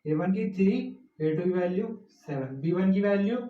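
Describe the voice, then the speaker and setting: High-voiced man teaching math in an echoey room. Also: expressive, normal speed. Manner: steps through the working aloud, asking and answering his own questions. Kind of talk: classroom math lesson. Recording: roomy, distant, muffled classroom recording.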